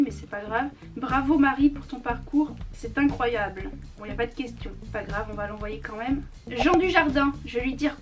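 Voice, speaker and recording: A woman's voice: high voice, far from the mic. A young woman chatting casually in an upbeat vlog, explaining what she does as she goes. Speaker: YouTuber.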